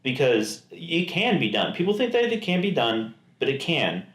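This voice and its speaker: In an echoey room, a male podcast co-host chats casually in a slightly high, fairly bright voice at normal speed. Very animated, he rambles with many restarts and quoted asides.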